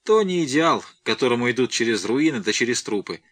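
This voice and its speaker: A man's voice: animated, fairly quick, close to an everyday voice. A man voicing a fearless gray-mustached old professor who speaks in a powerful, commanding voice. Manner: booming, commanding, scolding.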